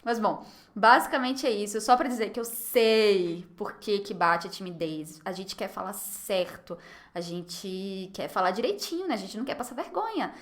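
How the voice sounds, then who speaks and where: A young Brazilian woman with a Brazilian Portuguese accent who teaches French online, encouraging and repeating words slowly for learners to copy. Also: medium pitch. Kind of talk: online language lesson.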